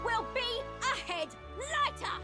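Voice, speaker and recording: A woman's voice: very high voice, animated, measured pace, over music. An actress playing a fiery revolutionary woman in a video game, declaiming a speech in a stilted, theatrical way. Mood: defiant. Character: fiery revolutionary woman rallying against the rich.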